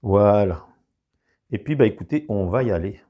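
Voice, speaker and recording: Man w/ a regional accent, slow hesitant product demo, lots of ums, fairly low voice. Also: expressive, muffled recording. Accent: French regional. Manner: hesitant, many fillers, meticulous explaining. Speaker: product reviewer.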